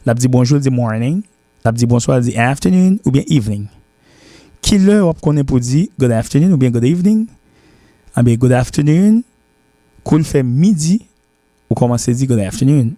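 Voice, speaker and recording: A man's voice: mid-range voice, expressive, normal speed, long pauses, dark tone, no echo, clean studio sound. A man teaching an English lesson, repeating himself and spelling words out letter by letter. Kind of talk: language lesson.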